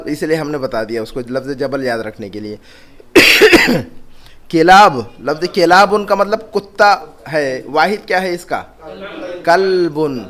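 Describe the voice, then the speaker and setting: A man teaching a classroom lesson. He drills words, asks the class questions and repeats each word slowly and clearly. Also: a little high, fairly bright tone. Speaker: Arabic teacher.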